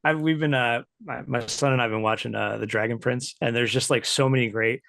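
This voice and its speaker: A man's voice: medium pitch, steady tone, a little fast, vocal fry, fairly bright tone, no room sound. Chatty man, dry close sound. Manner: loose and chatty, many "like" fillers, laughs often. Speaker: podcast guest, writer and editor. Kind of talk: casual interview chat.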